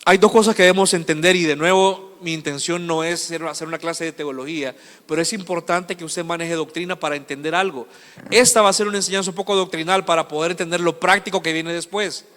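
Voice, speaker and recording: A man preaching a sermon with passion, moving between hushed asides and loud, emphatic lists. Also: a little high, fairly even intonation, fast, long reverb tail. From El Salvador.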